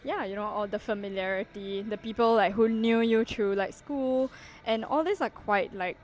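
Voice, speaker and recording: A young woman chats casually to her camera, leaning on "like" and "you know" as she thinks aloud. Her voice sits at a mid pitch, and she walks around as she talks. Faint traffic noise hums behind her. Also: moderate pace, a little mellow, poor audio. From Singapore. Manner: chatty, heavy use of "like" and "you know" fillers; walking around while talking. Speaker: vlogger. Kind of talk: casual reflective vlog talk.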